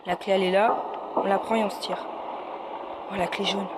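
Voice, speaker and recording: A man's voice: high-pitched, little pitch movement, brisk. A man commenting on a horror game as a gaming youtuber, jittery and frightened, yelping and muttering to himself. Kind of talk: let's play commentary. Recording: loud background noise and hiss.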